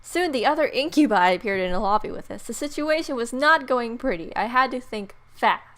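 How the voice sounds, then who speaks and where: A woman hosts a let's play, reading the game's story text aloud and tossing in jokey, casual asides over game music. Her voice is slightly high, expressive, fairly quick and fairly bright.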